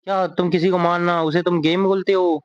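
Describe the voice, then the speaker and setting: A fierce, protective middle-aged mother, read out by a man in his own voice. The tone is slightly high and very even, with a clear, smooth sound. The recording is dull and lo-fi. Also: brisk, no echo, lightly acted. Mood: angry.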